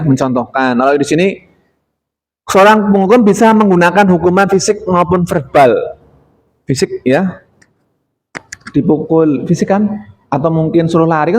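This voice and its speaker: A man's voice: on the high side, poor audio. A middle-aged male teacher, giving an informal training talk to colleagues, chatty with many fillers and acting out quotes.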